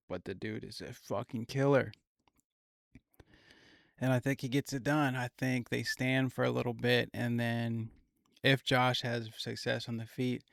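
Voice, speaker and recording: Creaky-voiced man rambling fight picks. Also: medium pitch, no room sound, clean studio sound. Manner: rambling, profane, thinks aloud. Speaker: podcast host. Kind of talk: casual fight predictions podcast.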